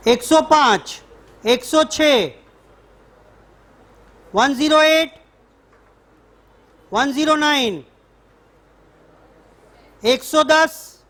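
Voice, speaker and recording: High-voiced joking math teacher. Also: male voice, extremely slow, pauses often, pushed and bright. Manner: casual, joking teacher who calls students beta. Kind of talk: classroom math lecture. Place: classroom.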